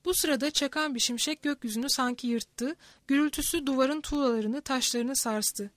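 High-voiced woman narrating a novel. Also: moderate pace, no echo. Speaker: audiobook reader. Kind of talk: scripted narration.

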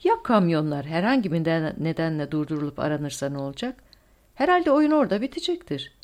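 A woman's voice: sits low, sing-song, quick pace, darkish tone. A woman voicing a wary, skeptical male agent who questions the plan. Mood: doubtful. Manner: doubtful, questioning.

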